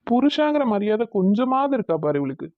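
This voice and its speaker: A woman's voice: fairly high pitch, sing-song, a little fast, no echo. A woman voicing an easygoing young husband and big brother in a Tamil cartoon, with a colloquial Tamil Nadu accent, grumbling and coaxing. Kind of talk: cartoon voice acting. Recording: thin phone-like dry sound.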